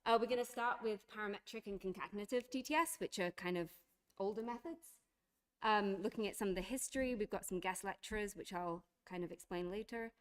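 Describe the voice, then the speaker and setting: A woman giving a university lecture, explaining step by step with frequent fillers and restarts. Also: medium pitch.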